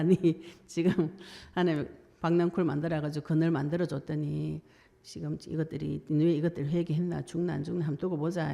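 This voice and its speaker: A woman's voice: on the low side, vocal fry, warm tone. A woman preacher, giving a colloquial sermon and acting out the voices she quotes.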